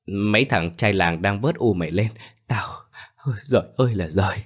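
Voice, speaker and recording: A man's voice: fairly low pitch, moderate pace, breathy edge. Man as an older village woman, sobbing and stammering, storybook. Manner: sobbing, broken words.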